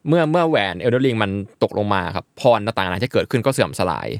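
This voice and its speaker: A man's voice: lowish voice, big pitch swings, quick pace, no room sound, clean studio sound. A man co-hosting a casual chat, explaining a game's story at length with offhand, sometimes crude remarks. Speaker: podcast co-host explaining a game.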